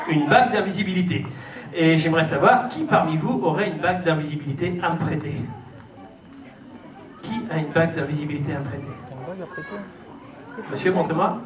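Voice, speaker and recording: A man performs as a kids' party magician in a high voice. He is theatrical and playful, teasing and coaxing young helpers and parents. The recording is distant and echoey, with clear audience noise in the hall. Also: normal speed, pauses often, crowd noise. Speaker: stage magician hosting a children's magic show. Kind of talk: live kids' party magician patter to children and families. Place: show venue with a stage and live audience.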